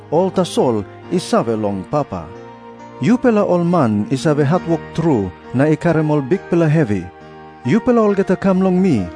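A man with a Papua New Guinean accent playing an earnest prophet who preaches deliberately in a dramatised scripture reading. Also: fairly high pitch, dark tone. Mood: reverent prayer, then gentle invitation. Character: Jesus, earnest preaching prophet addressing crowds.

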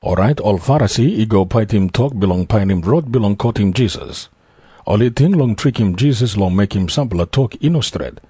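A man's voice: fairly low pitch, lively intonation, moderate pace, warm tone, slightly rough, dry recording, clean studio sound. A man with a Papua New Guinean accent narrating scripture from a script.

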